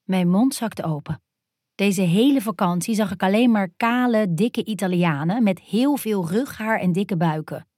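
Woman softly narrating an erotic story. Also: mid-range voice, no echo, clean studio sound.

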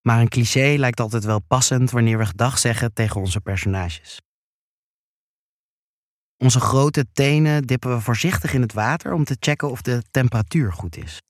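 A man narrates a first-person erotic story. His delivery is slow, hushed and intimate, in a medium-pitched voice. The recording is close and dry. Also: no echo.

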